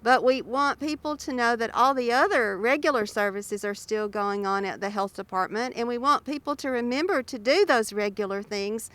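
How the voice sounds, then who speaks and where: A woman's voice: on the high side, normal speed, hardly any pauses, fairly bright tone, no room sound. A woman giving informative interview answers as a health spokesperson, talking through a face mask. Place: outdoors near road traffic. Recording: outdoors by passing traffic.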